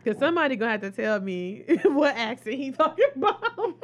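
A woman's voice: sits high, very animated, fairly quick. A woman co-hosting a casual chat, speaking in in a blunt, playful way with frequent laughter. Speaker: podcast co-host.

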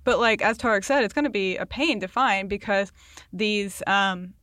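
A woman co-hosting a podcast, chatting casually with quick asides and frequent laughs. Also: mid-range voice, fairly bright tone, dry recording, studio quality. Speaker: podcast co-host.

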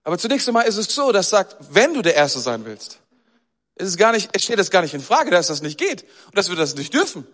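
A man preaches a sermon in a casual, talkative way, often turning to his listeners with questions. His voice sits a little high and carries animated emphasis. The sound has the long reverb of a church hall. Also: brisk. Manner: conversational, asks the audience questions, animated emphasis. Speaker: pastor.

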